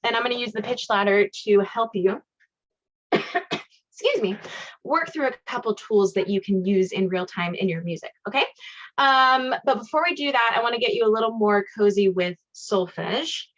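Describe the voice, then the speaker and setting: A woman's voice: mid-range voice, animated, normal speed, a bit bright, dull audio. A woman teaching an online ear-training class, cheerful and encouraging, singing solfege scales for her students to echo. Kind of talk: online music class, sung demonstrations. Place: video call class.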